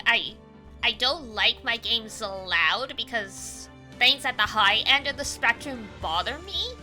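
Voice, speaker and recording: A Canadian woman streaming a video game chats casually and animatedly in a cute anime-girl voice. Her tone is a little high, pushed and bright.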